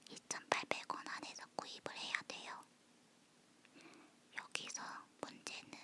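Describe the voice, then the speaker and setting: A woman chatting in a soft, close ASMR whisper, as if leaning in to the listener. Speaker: ASMR host. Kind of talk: whispered ASMR personal chat.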